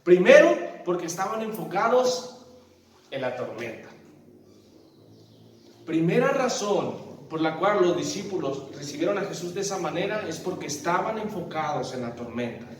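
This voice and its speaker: A man's voice: fairly high pitch, big pitch swings, normal speed, slight background noise. A man preaching a sermon, telling stories animatedly and asking the congregation questions. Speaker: pastor. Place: church hall. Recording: echoey church hall from far off.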